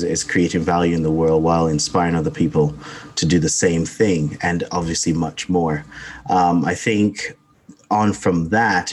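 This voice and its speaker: A young man in his twenties from Barbados talks as a podcast guest. His voice sits very low. He pauses often with ums and restarts his sentences. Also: breathy edge. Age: 20s. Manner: hesitant, many ums and restarts. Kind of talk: casual interview talk.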